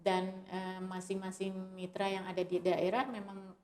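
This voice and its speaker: A woman activist answering interview questions in a measured way, often pausing on "eh" and starting points with "nah". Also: mid-range voice, monotone, a little mellow. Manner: measured, with frequent "eh" fillers and "nah" openers. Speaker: guest, women's rights activist.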